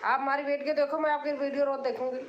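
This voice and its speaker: A woman's voice: high-pitched, level tone, fast, roomy sound, dull audio, slight background noise. A woman from Allahabad, hosting a casual live stream and answering comments in an insistent, repetitive way, explaining herself. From Allahabad, India.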